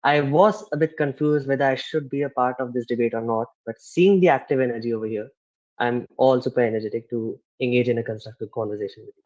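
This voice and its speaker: A man's voice: mid-range voice, fast talker, a little mellow. Guy, flowery eager intro, muffled call audio. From India. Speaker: debate delegate. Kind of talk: prepared self-introduction. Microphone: video call.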